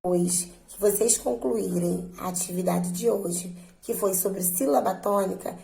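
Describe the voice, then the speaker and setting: Woman teacher going over homework, slow and patient, bit of vocal fry. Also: mid-range voice, dark tone, roomy sound, poor audio. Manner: slow, patient, stresses syllables by drawing words out. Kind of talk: remote lesson walking students through exercises.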